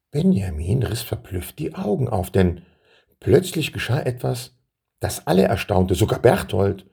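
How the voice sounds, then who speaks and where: A man reading a children's story aloud in a calm manner and turning to address his young listeners. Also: low-pitched, vocal fry, husky.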